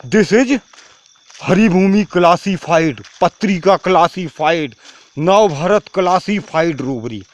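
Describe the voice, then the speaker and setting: High-pitched Indian man, rambling rant. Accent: Indian English. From Tamil Nadu, India. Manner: repetitive, halting, ranting. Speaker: self-styled swami. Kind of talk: rambling home video monologue.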